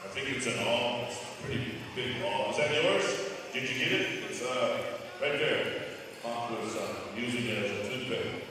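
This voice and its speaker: A man's voice: mid-range voice, normal speed. A man working as a powwow emcee, announcing live and informally in a folksy, ad-libbed way. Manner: folksy, jokey, thanks repeatedly. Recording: echoey PA in large hall, distant, noisy.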